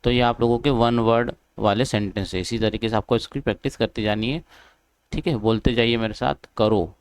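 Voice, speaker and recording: A man's voice: mid-range voice, fairly even intonation, a little fast, clear, resonant tone. A man teaching beginners spoken English, explaining in Hindi and drilling short word pairs, repeating each one and saying "ठीक है" often.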